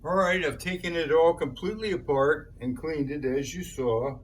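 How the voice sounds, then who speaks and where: A man hosts a DIY electronics repair video, demonstrating hands-on and chatting casually and folksily to viewers as he thinks aloud. His voice is a little high and moderately paced. The recording is rough, with music playing in the background.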